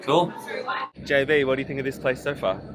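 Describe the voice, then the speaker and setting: A man's voice: medium pitch, a little fast. A man vlogging while walking outdoors through a mountain park, chatty and joking, laughing often. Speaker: travel vlogger. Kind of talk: casual vlog commentary. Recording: outdoor noise behind.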